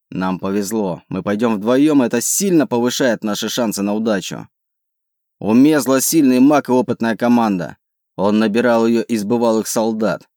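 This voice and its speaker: Man doing a loud commanding ship captain. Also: mid-range voice, no echo, clean studio sound, lightly acted. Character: boisterous adult male ship captain, commanding.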